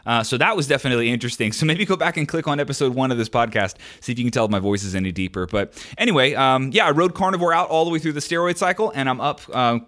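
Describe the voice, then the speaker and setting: This young podcast host races through listener questions with few pauses, his medium-pitched voice fairly bright in tone. He's candid and rambling, full of ums and restarts, recorded on a podcast microphone.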